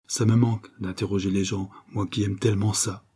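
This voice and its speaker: Brief: male audiobook narrator, measured, dark and mellow. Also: fairly low pitch, level tone, husky. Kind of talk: scripted audiobook narration, first-person.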